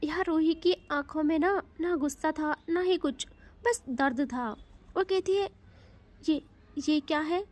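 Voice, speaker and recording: A woman's voice: sits high, a little slow, a little mellow. A woman storyteller narrating a romantic audio story in a chatty way, with conversational asides.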